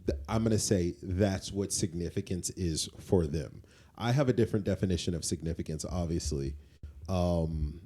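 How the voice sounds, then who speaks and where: A podcast co-host with a low, warm voice chats conversationally, offering opinions and explanations. He frequently checks in with the listener as he talks.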